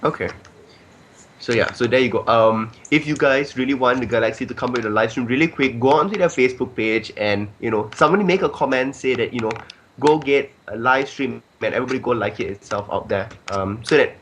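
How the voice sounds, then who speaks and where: A man's voice: medium pitch, quick pace, fairly bright tone, a little hiss or hum. A man hosting a casual podcast, rambling with many ums and filler phrases. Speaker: podcast host.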